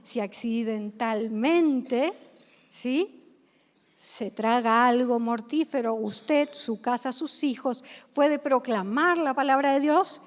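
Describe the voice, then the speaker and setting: A high-voiced woman with a Rioplatense accent preaches a sermon in a church hall. She tells stories and asks the congregation questions. Her voice rings with a long hall reverb. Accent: Rioplatense Spanish.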